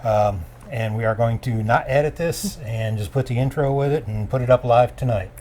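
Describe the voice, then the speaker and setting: A man's voice: mid-range voice, normal speed, mellow, slight background noise. A middle-aged man hosting a casual theater review chat, folksy and repetitive as he talks. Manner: chatty, repeats himself, folksy.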